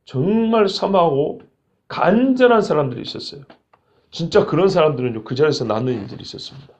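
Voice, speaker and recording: Animated high-voiced male preacher. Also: brisk, lo-fi sound. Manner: animated preaching, acts out quoted lines with sudden shouts. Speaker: pastor. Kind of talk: expository sermon.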